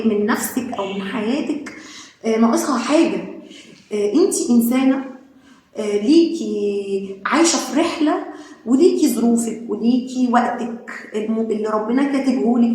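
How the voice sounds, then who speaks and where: A woman with an Egyptian Arabic accent giving gentle, reassuring self-help advice to women, with many fillers and restarts. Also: a little high. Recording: very echoey room with faint noise.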